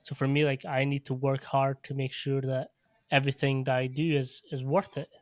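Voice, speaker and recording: Flat-voiced male podcast host from Portugal. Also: medium pitch, no room sound, clean studio sound. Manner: measured, reflective, restarts his phrases. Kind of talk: casual interview conversation. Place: podcast studio.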